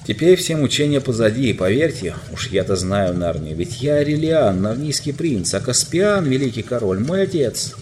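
A man's voice: mid-range voice, sing-song, moderate pace, few pauses, a little mellow, a little hiss or hum, pitched above the performer's own voice, lightly acted. A man reading aloud and voicing a desperate, enchanted young knight who is tied to a chair, pleading passionately. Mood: joyful. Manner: impassioned, pleading then raging.

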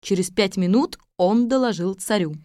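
A woman narrating a fairy tale in an even storytelling manner. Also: mid-range voice, moderate pace, no echo, clean studio sound.

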